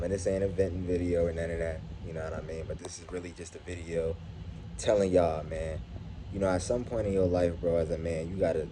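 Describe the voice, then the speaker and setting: A man's voice: deep voice, noisy background. A man giving a casual, earnest motivational vlog through a face mask, slightly muffled, in slangy, profane speech addressed straight to viewers. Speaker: YouTube vlogger. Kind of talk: casual motivational monologue to camera. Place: at his workplace.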